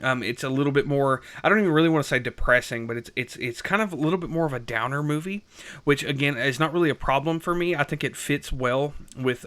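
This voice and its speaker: Man, young adult, bright tone, casual film review, rambling, lots of fillers. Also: medium pitch.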